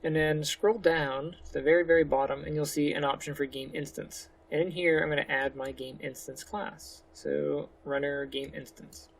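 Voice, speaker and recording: A man hosting a casual step-by-step game development tutorial, speaking relaxed and a little slurred, walking through each step on a desktop mic. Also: on the high side, normal speed, creaky, hardly any pauses, a little hiss or hum. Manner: relaxed, slightly slurred speech; talks through each step with fillers like "go ahead". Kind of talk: casual screen-recorded tutorial.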